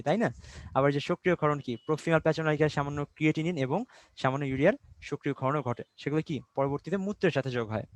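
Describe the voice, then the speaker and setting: This biology tutor is a young man from Bangladesh whose voice sits on the high side, captured in a dry recording. Teaching online, he walks through the material step by step, asking and then answering his own questions while mixing in English terms.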